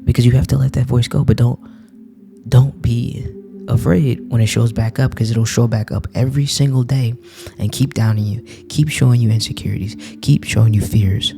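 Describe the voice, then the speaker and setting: A man's voice: medium pitch, steady tone, normal speed, vocal fry, music in the background. A man giving an earnest spiritual talk while reading cards, repeating phrases for emphasis.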